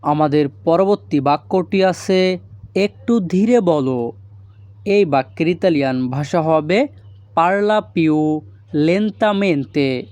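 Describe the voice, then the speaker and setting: A man teaching a language lesson, spelling out phrases slowly and repeating them word by word. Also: fairly high pitch, darkish tone, no room sound. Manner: slow, deliberate delivery, repeating phrases word by word.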